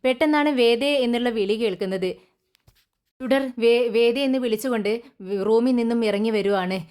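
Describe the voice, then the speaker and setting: A woman's voice: fairly high pitch, moderate pace, a little mellow, clean tone. A woman narrating a recap of a television serial, telling the scenes and reading every character's lines in her own voice, with small slips and restarts. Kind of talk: storytelling recap with quoted dialogue.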